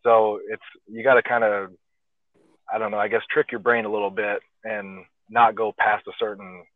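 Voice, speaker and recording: A man, an arm wrestler, explaining his training in a relaxed way with lots of fillers, speaking over a phone call. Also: on the low side, normal speed, no echo. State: slightly out of breath. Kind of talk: casual interview over phone. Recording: tinny phone line, dry.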